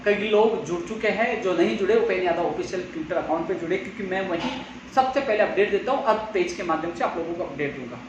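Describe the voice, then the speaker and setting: A man addresses followers on a live update stream in a high voice. He sounds insistent, and he is heard from some distance in a strongly reverberant room with faint noise. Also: lively intonation, fast talker, highs cut off. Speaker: host of a live update stream for job seekers. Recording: echoey room, far from mic, faint noise.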